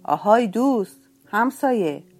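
A woman's voice: mid-range voice, very animated, vocal fry, dark tone, husky, faint music behind, voice pushed up, full character voice. A woman voicing a big, lonely male eagle who coaxes and pleads in a raised voice. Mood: calling out.

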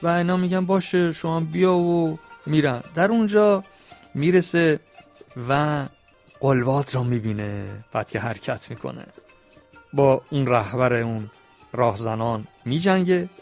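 A man storyteller who recites epic verse slowly and then retells it in plain, chatty speech. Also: fairly high pitch, a little mellow, soft background music. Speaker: storyteller reading an epic poem.

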